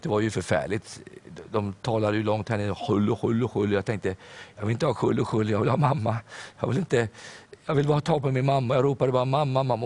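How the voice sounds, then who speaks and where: Older male pastor, lowish voice, sermon delivery, earnest storyteller. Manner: storytelling, earnest, with filler hesitations.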